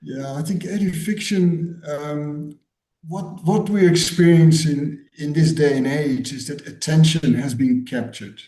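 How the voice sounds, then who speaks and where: Answering an interviewer's questions with care, this man from the Netherlands, an author and educator in his sixties appearing as a guest, frequently repeats words while hunting for the right phrasing. His voice sits on the high side, a little slow and dark-toned, with roomy echo.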